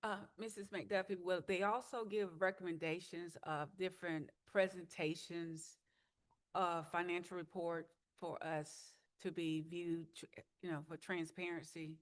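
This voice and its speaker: A woman's voice: lowish voice, flat delivery, measured pace. A woman, a city commissioner, asking direct questions and making a motion at a public meeting.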